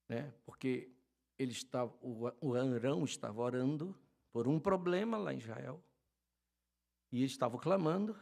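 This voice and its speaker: An older Brazilian man preaching a sermon as a pastor, fervent, swinging from loud shouted calls to quiet storytelling. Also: medium pitch, creaky. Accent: Brazilian Portuguese. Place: church.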